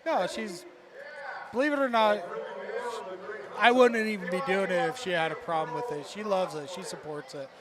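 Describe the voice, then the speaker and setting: A man's voice: sits high, moderate pace, long pauses, a crowd in the background. A man in his late forties co-announcing a dirt race outdoors, chatting with self-mocking humor. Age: 40s. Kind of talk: casual commentary. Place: outdoors at a racetrack. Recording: loud music playing behind. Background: loud music.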